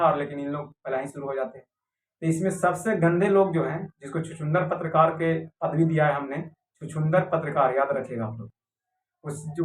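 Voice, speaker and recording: A man giving a rambling, indignant opinion monologue to viewers, repeating phrases for emphasis. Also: a little high. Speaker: video commentator. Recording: echoey room, voice from a distance.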